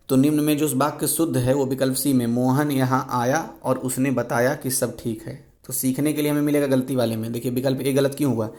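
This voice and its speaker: A man tutoring for an exam, explaining spelling and grammar answers patiently and slowly repeating the key words. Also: medium pitch, gravelly, a little mellow. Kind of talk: exam revision lesson.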